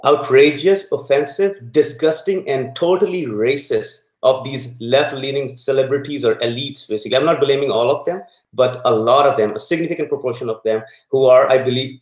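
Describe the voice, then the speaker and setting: A man from Pakistan, a guest in a political interview, speaking haltingly with many fillers and growing indignant. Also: medium pitch, reverberant, low-quality recording.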